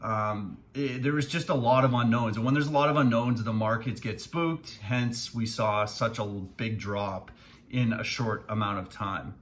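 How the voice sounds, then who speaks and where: A man who works as a financial advisor, talking casually to camera with frequent ums and plain, steady explanations. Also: on the low side, unhurried, a little hiss or hum. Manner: relaxed, many fillers, plainspoken. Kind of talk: casual video commentary.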